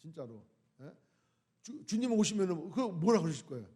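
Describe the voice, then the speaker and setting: A man with a fairly high voice preaches a sermon in a church. He presses his listeners with question after question, swelling to forceful appeals, then falls back to a near murmur. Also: very animated, moderate pace, breathy edge. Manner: impassioned, rhetorical questions, swings from loud to hushed. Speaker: pastor. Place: church sanctuary.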